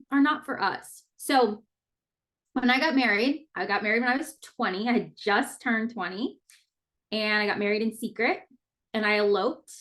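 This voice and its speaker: A woman's voice: a little high, a bit bright. A woman in her thirties hosting her own podcast, talking earnestly and openly in a casual, personal monologue with everyday fillers and the odd mild swear. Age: 30s. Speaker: podcast host.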